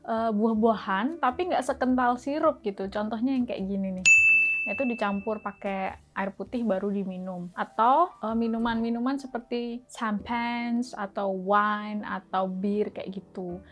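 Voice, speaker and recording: Brief: young Indonesian woman, vlogger, fairly high voice, soft music underneath, chatty and relaxed. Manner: chatty, frequent fillers like nah and gitu. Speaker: vlogger living abroad. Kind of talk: casual direct-to-camera vlog.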